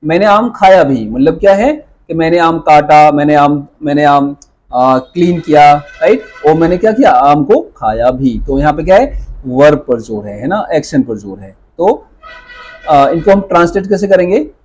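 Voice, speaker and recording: Husky Hindi-speaking man teaching English. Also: a little high, expressive, normal speed, a little mellow. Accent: Indian. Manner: explains step by step with frequent rhetorical questions and "right?". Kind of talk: spoken English lesson.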